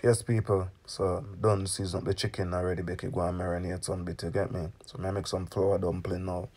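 A man's voice: low voice, level tone, a little fast, a little mellow, faint music behind. Jamaican man chatting while he cooks. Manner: chatty, keeps asking "you get me?". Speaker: cooking channel host. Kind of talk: casual cooking demonstration. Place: home kitchen, indoors.

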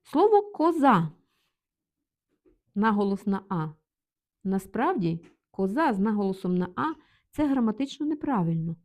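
Female tutor, mellow tone, reads example sentences and glosses each. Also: medium pitch, big pitch swings, a little fast. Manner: reads example phrases, then translates each. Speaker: language teacher. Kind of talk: explaining vocabulary with examples.

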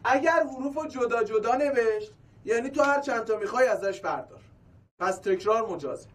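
A man's voice: extremely high pitch, expressive, recorded from a distance. A man teaching an online math lesson, explaining step by step and checking in with his students.

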